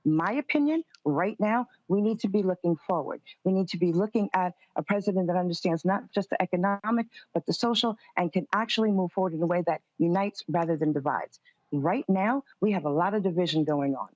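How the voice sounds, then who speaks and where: Her voice sits on the low side, brisk and a little mellow: a conservative commentator giving firm, assertive, guarded answers as a political interview guest. The lo-fi audio is dry and slightly dull, with no room sound.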